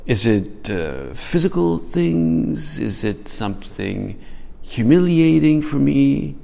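A man's voice: medium pitch, very animated, slow pace, vocal fry, dark tone. A man giving a reflective homily, asking his listeners many questions and often restarting his phrases. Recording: hall reverb.

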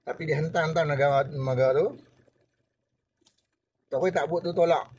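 A man's voice: on the high side, steady tone, normal speed, a little mellow, husky. An older man with a Malaysian Malay accent, a former deckhand telling a story in a casual, chatty way, speaking to the listener as to a younger person and acting out what others said.

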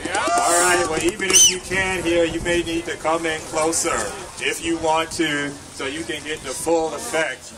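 A middle-aged man reads a rhyming children's story at an outdoor park event in a fairly high, flat voice, slow and deliberate. Crowd noise, wind and traffic fill the distant recording, which a nearby camera captured from his stand microphone.

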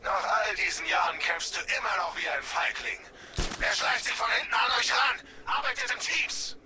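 Ein Schauspieler spielt in einem Videospiel einen arroganten militärischen Schurken, der verächtlich Befehle gibt. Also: male voice, high voice, lively intonation, normal speed, heavy background noise. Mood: taunting. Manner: commanding, contemptuous. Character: arrogant male villain commander, taunting and militant. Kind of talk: dramatic game voice acting. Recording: echoey, distant, music behind.

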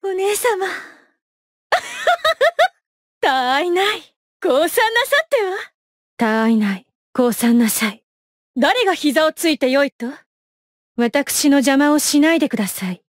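An actress plays a poised, haughty young knight from a fighting game in a high voice with lively intonation, speaking slowly with long pauses. The studio-quality recording has no echo, and her formal, imperious politeness and clipped battle cries sound coolly disdainful.

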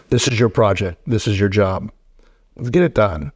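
A middle-aged man hosting a casual podcast interview, talking haltingly with many fillers and restarts into a desk mic in a wood-paneled studio. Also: on the low side, animated, husky. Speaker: podcast host. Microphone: boom mic on desk stand.

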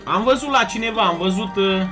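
A young man from Romania streaming slots live, chatting casually and loudly greeting viewers one after another. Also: sits high. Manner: loud, excitable, greets chatters rapidly. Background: music.

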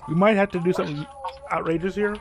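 A man playing an old computer game and chatting casually with a friend, excitable and laughing often. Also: high voice, fast talker. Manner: excitable, laughs often, yelps when hit. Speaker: game player, co-host. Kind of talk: casual let's-play banter.

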